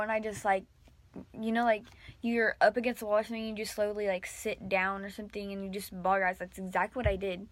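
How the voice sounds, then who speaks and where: A young woman vlogger telling an emotional story, rambling and halting with many fillers and restarts, sometimes dropping to a hush. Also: on the high side, no echo. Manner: drops to a hushed whisper at sad moments.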